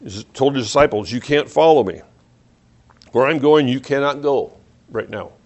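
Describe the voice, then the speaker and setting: A man preaching a sermon, reading scripture aloud and reflecting on it, often dropping his voice low on key points. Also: moderate pace. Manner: reflective, varies pace and loudness, drops low on key points.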